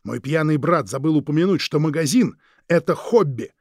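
A man's voice: on the high side, lively intonation, fairly quick, no room sound, clean studio sound. A man voicing a firm, indignant British husband and shopkeeper in an audiobook.

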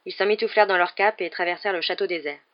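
A woman narrating an audiobook in a measured storytelling manner. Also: on the low side, steady tone, no room sound, muffled recording. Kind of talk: scripted narration.

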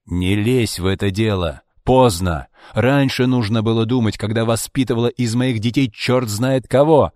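A man voicing a furious, domineering middle-aged father who shouts harshly. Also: low voice, moderate pace, hardly any pauses, no echo, clean studio sound, close to an everyday voice. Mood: raging. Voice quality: bellowing, harsh.

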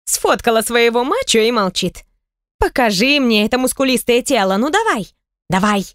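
A pushy, teasing pregnant girlfriend from an audiobook, her voice climbing high and bright with excitement, as a woman narrator puts her on. She talks in a dry, close recording. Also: normal speed, no room sound. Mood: teasing, excited. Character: chatty nosy pregnant young woman friend. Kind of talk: audiobook character reading.

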